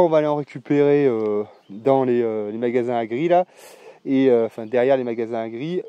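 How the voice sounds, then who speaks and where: Showing off his rural property in a walk-and-talk vlog, this man speaks in a mellow, medium-pitched voice. He rambles casually with lots of fillers and some swearing, into a microphone covered by a foam windscreen.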